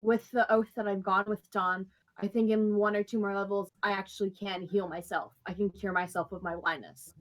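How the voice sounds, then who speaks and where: A woman's voice: medium pitch, fairly even intonation, moderate pace, few pauses, rough recording. A woman taking part as a player in a tabletop game, friendly and plain-spoken. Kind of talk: casual chat during a tabletop game.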